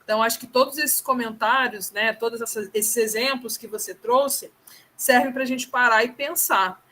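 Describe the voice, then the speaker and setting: A Brazilian woman with a Brazilian Portuguese accent joins a discussion, speaking at normal speed in a slightly high, sharp voice. Her casual, reflective comments are thoughtful, and she often checks in with tag questions.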